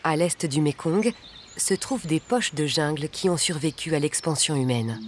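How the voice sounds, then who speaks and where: A narrator reading a scripted nature documentary in a measured, articulate way. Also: medium pitch, background noise. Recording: background music under the voice. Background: music.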